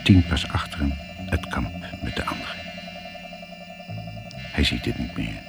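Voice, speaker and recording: A man's voice: very deep voice, animated, unhurried, vocal fry, music in the background. A man narrating a radio drama in short, suspenseful lines.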